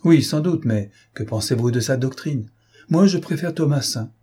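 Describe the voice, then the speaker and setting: A man's voice: mid-range voice, animated, moderate pace, mellow, breathy edge. A man voicing a brusque, self-important older male philosopher who talks in an impatient, lecturing way.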